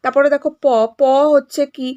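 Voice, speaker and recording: Woman teacher, high voice, patient step-by-step school grammar lesson, sprinkled with English okays. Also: flat delivery, a little fast, darkish tone, muffled recording.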